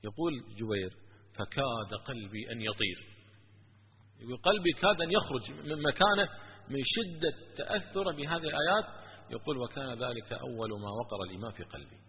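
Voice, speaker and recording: A man preaching and telling stories in an animated religious lecture. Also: mid-range voice, a little fast, breathy edge. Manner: animated, with stories and rising emphasis. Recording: tinny lo-fi with long hall echo.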